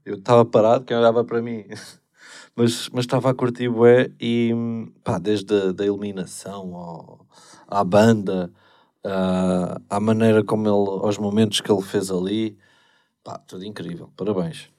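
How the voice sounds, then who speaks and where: A man's voice: fairly low pitch, little pitch movement, normal speed, darkish tone. A man chatting casually as a podcast host, informal and slangy, often hesitant. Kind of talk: casual chat.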